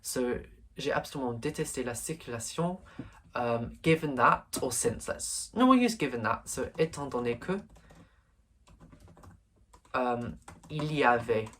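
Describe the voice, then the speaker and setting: A man's voice: medium pitch, lively intonation, a little slow, pauses often, fairly bright tone, slight background noise. A young man tutoring through an exam paper, thinking aloud with frequent hesitations and fillers. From England. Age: late teens. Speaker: language tutor. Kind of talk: screen-recorded exam walkthrough.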